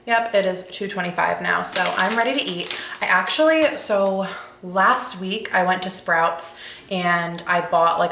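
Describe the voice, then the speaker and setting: A woman's voice: fairly low pitch, a bit bright, roomy sound. A young woman in her twenties chatting casually to the camera in her kitchen while making food, bubbly and full of "you guys" and "like". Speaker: vlogger. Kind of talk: casual vlog chat. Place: home kitchen. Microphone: camera mic, then phone.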